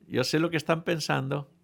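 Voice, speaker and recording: A man preaching to a congregation with a somewhat high, gravelly voice. He tells a humorous story playfully and with animation, often breaking off and restarting his phrases. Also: fairly bright tone.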